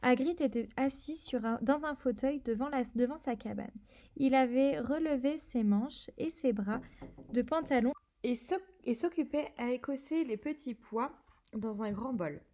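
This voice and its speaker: A woman's voice: sits high, moderate pace, warm tone. A woman reading a novel aloud in an unpolished way, correcting herself as she goes. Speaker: reader.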